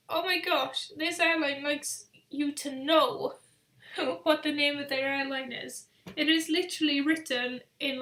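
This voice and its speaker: A high-voiced woman runs a casual quiz for her viewers. She sounds tired and chatty, reading questions slowly and looping back over them. Her voice rings in a noticeably echoey room. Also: a bit bright. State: tired, yawning. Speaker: quiz host on a live stream. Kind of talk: casual live-stream chat.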